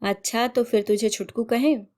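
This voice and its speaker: A woman's voice: fairly high pitch, steady tone, moderate pace, a little mellow, lightly acted. A woman voicing a strict, old-fashioned village mother-in-law who scolds in rustic turns of phrase. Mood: scolding.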